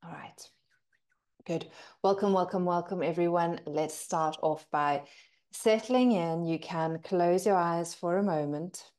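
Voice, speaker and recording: A meditation teacher guides a breathing practice, her gentle, soothing voice fairly low in pitch. She lets pauses linger between her words.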